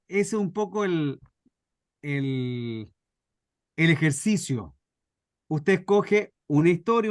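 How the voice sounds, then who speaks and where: Speaking in a high voice, a Chilean-accented man runs a scriptwriting workshop through stories he acts out, often repeating phrases to stress them. The sound is clean studio quality with no echo.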